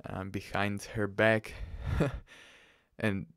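A man hosting a podcast, telling a personal story in a halting, casual way with restarts and soft laughs. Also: on the low side, flat delivery, clear, resonant tone, no echo, studio quality. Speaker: podcast host.

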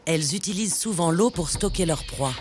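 A man reads scripted nature documentary narration in a measured, dramatic storytelling way. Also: a little high, expressive. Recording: music bed under the narration. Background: background music, animal sounds.

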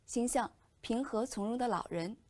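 A woman teacher giving a recorded lesson, explaining in a clear, measured way. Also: on the high side, darkish tone. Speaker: Chinese language teacher.

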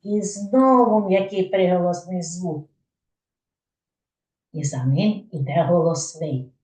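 Ukrainian-accented woman, preschool teacher, unhurried and patient, heard from across an echoey room. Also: lowish voice, a little mellow, distant mic. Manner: patient, asks questions then answers them herself. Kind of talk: slow didactic lesson for young children. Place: kindergarten room.

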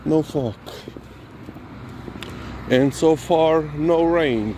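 A slow-talking man, chatting as he walks his dog along city streets at night. His voice is mellow and unhurried, recorded on a phone with faint traffic noise behind him. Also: on the high side. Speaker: dog owner vlogger. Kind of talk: casual walking commentary. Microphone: handheld phone camera filming while walking.

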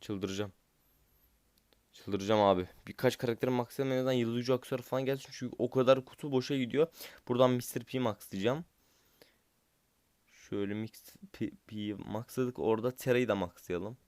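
A man's voice: medium pitch, steady tone, fairly quick, darkish tone, dry recording. A young man from Turkey doing gaming commentary, impatient and swearing at the game as he opens loot boxes. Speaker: gaming YouTuber.

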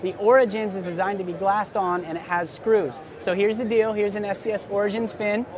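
A man's voice: high-pitched, fairly even intonation, brisk, a crowd in the background. A young man in his twenties hosting an enthusiastic, salesy product demo at a busy indoor expo booth, talking close to the camera. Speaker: surf shop host. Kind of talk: trade show product demo.

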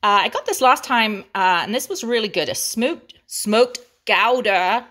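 A woman's voice: on the high side, lively intonation, measured pace, a bit bright. Chatty English woman showing off groceries. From England. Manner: chatty, playful, savoring each item. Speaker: vlogger. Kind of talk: grocery haul show-and-tell.

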